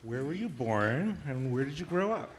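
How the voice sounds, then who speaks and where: A man interviewing a guest on stage, hesitant and filling pauses with ums and uhs. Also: mid-range voice, sing-song, slight background noise. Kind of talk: onstage interview.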